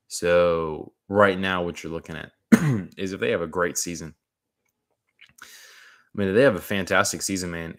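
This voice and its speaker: A man's voice: low-pitched, vocal fry, fairly bright tone. A man giving casual, rambling sports commentary, full of slang and restarts.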